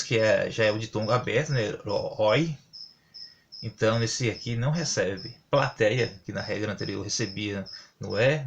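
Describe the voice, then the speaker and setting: Male teacher, casual and halting explainer, mid-pitched, faint crickets behind. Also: a little hiss or hum. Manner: halting, many fillers and self-corrections, explains with examples. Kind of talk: casual spoken grammar lesson.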